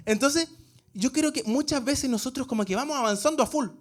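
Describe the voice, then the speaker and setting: A man's voice: very high-pitched, normal speed. A man with a Chilean accent preaching an earnest, conversational sermon in a church, often acting out the voices of the people he quotes. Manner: earnest, acts out quoted voices, restarts words.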